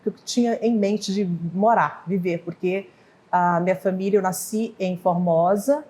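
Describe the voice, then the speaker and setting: In an oral history interview, a pharmacy professor in her fifties from Goiás or northwest Minas Gerais, Brazil, talks hesitantly, rambling, restarting and correcting herself, and laughing softly at her slips. Her mid-range voice is mellow, with fairly even intonation and a normal pace, and the recording is rough.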